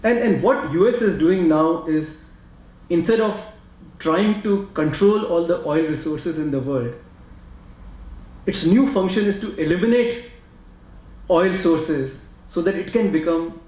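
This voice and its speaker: A man with an Indian accent on a discussion panel, talking quickly and saying "you know" a lot. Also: fairly high pitch, a little mellow, reverberant, poor audio. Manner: fast, repeats "you know". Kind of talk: discussion talk.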